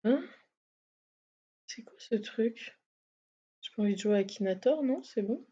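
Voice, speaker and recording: A woman's voice: medium pitch, animated, measured pace, dark tone, slightly rough. A woman streaming a game live, chatting casually, swearing and laughing at herself. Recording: slightly muffled stream mic.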